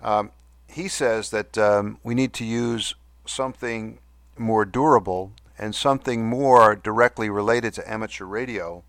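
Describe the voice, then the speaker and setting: A man hosting a podcast in a casual, halting, good-humoured monologue, with a whistle on his S sounds. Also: lowish voice, a bit bright, no echo. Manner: halting, with good-humoured self-deprecating asides. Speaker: podcast host. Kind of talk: casual monologue reading listener mail.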